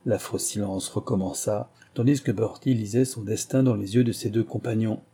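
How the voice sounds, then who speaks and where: A man narrating an adventure novel in a measured audiobook reading. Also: lowish voice, steady tone, mellow, breathy edge.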